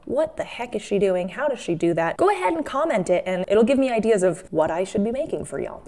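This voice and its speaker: A woman's voice: medium pitch, darkish tone. A woman hosting a casual craft video, chatting in a playful, jokey, self-mocking way. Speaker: host of an art-making video series.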